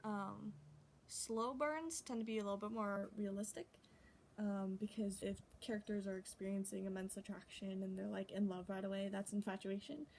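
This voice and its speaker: A woman's voice: mid-range voice, fairly even intonation, moderate pace, gravelly, darkish tone, rough recording. A young adult woman chatting casually and animatedly to camera, recording herself outdoors in the wind. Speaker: vlogger talking about writing. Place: outdoors in the wind, with wind chimes nearby. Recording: windy outdoor noise.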